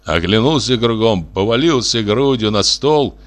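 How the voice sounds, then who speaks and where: A man reading a literary story aloud, telling it in an expressive, acted way. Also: fairly low pitch, unhurried. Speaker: narrator.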